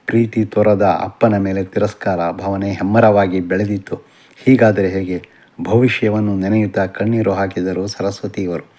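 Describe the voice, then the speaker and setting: A man who wrote the novel narrating it as an audiobook in a measured, steady reading. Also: on the low side. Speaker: author and narrator.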